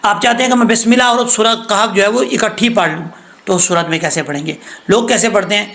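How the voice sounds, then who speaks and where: A man teaching Quran tajweed patiently, breaking into slow recitation of verses. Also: sits high, fairly bright tone. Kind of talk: recorded recitation lesson.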